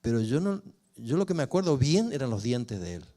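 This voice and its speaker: An older man, a pastor telling a personal story in a sermon with expressive rises and falls. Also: mid-range voice, fairly quick. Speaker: pastor and family counselor.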